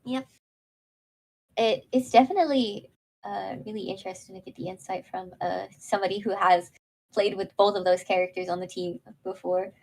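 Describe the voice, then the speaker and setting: A woman's voice: medium pitch, fairly even intonation, moderate pace, a little mellow, poor audio. A woman co-hosting live commentary for an online gaming tournament. She keeps things easygoing and conversational, announcing bans and throwing questions to her co-caster. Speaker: esports caster.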